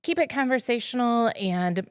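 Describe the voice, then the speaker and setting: A woman's voice: on the high side, lively intonation, normal speed, clean tone, no echo. A woman hosting a podcast interview in a studio, upbeat and welcoming in a chatty, casual way. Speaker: podcast host.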